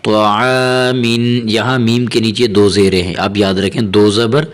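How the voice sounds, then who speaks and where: A man teaching Quran reading step by step, slowly drawing out syllables and sounds, then explaining quickly, often repeating and checking that learners follow. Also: fairly low pitch, steady tone. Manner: patient, repeats and checks understanding. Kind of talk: step-by-step recitation lesson.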